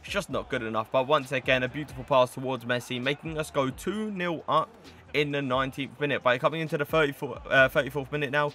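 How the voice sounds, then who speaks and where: A man's voice: medium pitch, quick pace, pushed and bright. A man in his twenties giving casual gameplay commentary in a chatty, slangy way, with stock phrases he repeats. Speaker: gaming video host.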